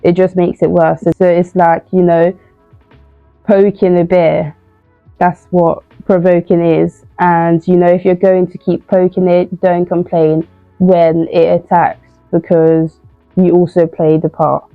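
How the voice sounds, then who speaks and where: A young woman talks through her advice in a casual, rambling way, full of "you know". Her voice sits low, and the sound is tinny and phone-like with no room at all. Faint music plays behind her. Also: flat delivery, a little slow, dry recording. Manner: casual, repetitive with many fillers, acts out example replies. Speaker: youth crime-prevention speaker. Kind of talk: informal advice talk.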